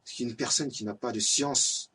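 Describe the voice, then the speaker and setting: Amateur lay preacher, male, raspy and airy, exhorting, recorded from a distance. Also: medium pitch, normal speed, sharp tone. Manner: earnest, exhorting, repetitive. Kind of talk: religious reminder talk.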